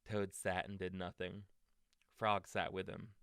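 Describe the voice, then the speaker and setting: Male storytime reader, bedtime narration for little ones, very slow delivery, close dry sound. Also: sits low, little pitch movement, a bit bright, clear, resonant tone, no room sound.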